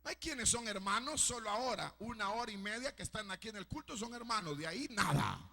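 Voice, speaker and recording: A man with a Salvadoran Spanish accent preaching a sermon as pastor, often breaking into loud, shouted outbursts. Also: sits high, big pitch swings, brisk, gravelly.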